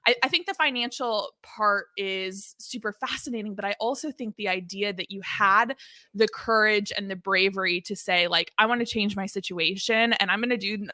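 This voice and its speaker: A woman's voice: medium pitch, moderate pace, sharp tone, dry recording, studio quality. A woman of thirty hosting an interview, enthusiastic and talking in long rambling questions. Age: 30s. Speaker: podcast host. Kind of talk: interview conversation.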